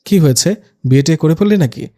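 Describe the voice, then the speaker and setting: A man's voice: a little high, expressive, fast, dark tone. A man doing a joking young best friend. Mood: bantering. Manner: casual, teasing banter.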